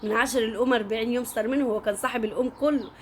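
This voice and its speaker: This is a woman telling a tale in an easygoing, conversational style with an Egyptian Arabic accent, often speaking right to those listening. Her pitch is a touch high and her tone steady, she talks very fast, and slight noise sits in the background.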